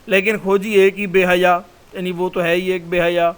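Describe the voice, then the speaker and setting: A man's voice: high-pitched, flat delivery, clear, resonant tone, rough recording. A man, a college lecturer, reading a passage aloud in a recorded class and explaining it word by word.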